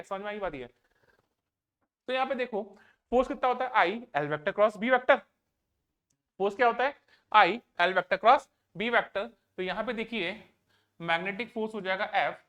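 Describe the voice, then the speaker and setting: A male teacher lecturing a room full of students. He keeps the class moving with a steady pattern: he asks a question, answers it himself, then asks it again. In between he pleads with them to concentrate. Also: high voice. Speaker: physics teacher.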